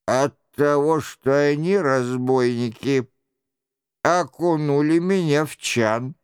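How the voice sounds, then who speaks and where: An aggrieved young nobleman tells his humiliation in a slow, seething voice, as a male reader puts him on, each word clearly shaped. The sound is close and dry. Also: fairly high pitch, dry recording. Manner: indignant, aggrieved.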